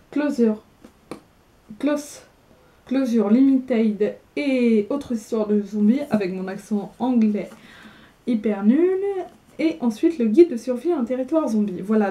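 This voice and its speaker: Young woman from France, casual book vlogger, slightly high and mellow, chatty with fillers. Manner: chatty, many fillers and restarts. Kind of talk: casual book haul chat.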